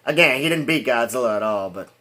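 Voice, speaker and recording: A man's voice: mid-range voice, animated, quick pace, sharp tone. A man giving a rambling casual movie review, full of restarts and fillers and laughing at his own jokes.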